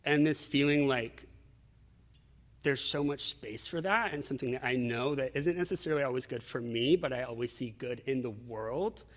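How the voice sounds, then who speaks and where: This interview guest is a man with a medium-pitched voice at a normal speed, recounting personal stories in a casual, reflective manner and acting out little asides. Everything echoes as if in a large hall.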